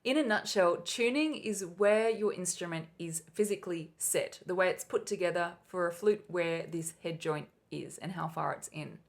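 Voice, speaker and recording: A woman's voice: lowish voice, moderate pace, gravelly, few pauses. A middle-aged Australian woman with a bubbly, enthusiastic manner, explaining music concepts in an online flute lesson. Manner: bubbly, enthusiastic, self-described nerd. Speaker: flute teacher.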